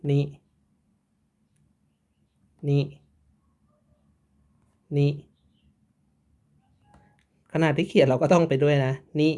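A man's voice: fairly high pitch, a little mellow. A man teaching a writing lesson, patiently repeating each syllable and stroke order. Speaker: Japanese teacher. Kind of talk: slow step-by-step writing lesson.

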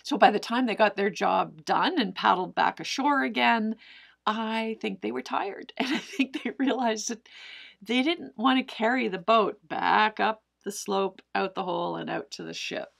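A middle-aged woman tells a diving story straight to the camera, animated and chatty, with plenty of fillers. Her voice carries heavy fry and a gravelly edge. She sits close to the mic in an indoor room. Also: medium pitch, moderate pace. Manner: animated, gestures with both hands, frequent fillers. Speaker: cave diver answering viewer questions. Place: indoors in front of a brick wall.

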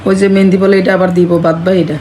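Middle-aged woman, hoarse, nagging mother-in-law in a playful home skit. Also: fairly low pitch, little pitch movement, fast talker, over music. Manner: scolding and nagging in character, then chatty. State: hoarse from shouting. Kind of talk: playful staged family skit.

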